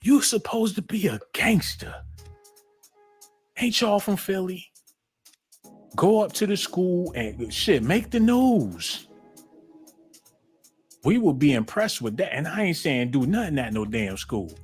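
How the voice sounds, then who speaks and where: Animated, mocking male stream host. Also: high-pitched, takes it slowly, pauses often, husky, soft background music. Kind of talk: comedic commentary stream.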